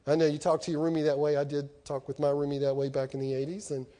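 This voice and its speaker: A middle-aged man preaching an animated sermon to students, swinging from loud to soft and acting out quoted voices. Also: a little high, fast talker.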